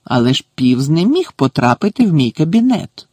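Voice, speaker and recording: A man's voice: fairly high pitch, big pitch swings, moderate pace, darkish tone, slightly rough, no room sound. A man voicing a cold, stern male professor who speaks in a silky, cutting way, in an audiobook. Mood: suspicious. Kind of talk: audiobook character voice.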